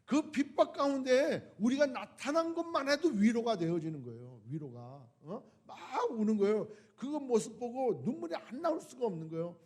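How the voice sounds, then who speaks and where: High-voiced pastor preaching with passion. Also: male voice, very animated, normal speed, few pauses, breathy edge. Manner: impassioned, rhetorical questions, swings from loud to hushed. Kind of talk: sermon. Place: church sanctuary.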